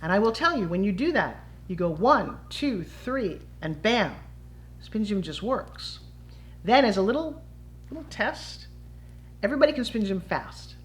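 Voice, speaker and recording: A woman's voice: medium pitch, very animated, a little slow. A middle-aged woman teaching a fitness-toy demo in a chatty, enthusiastic way with playful asides. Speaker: brand ambassador and fitness instructor. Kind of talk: instructional demo talk.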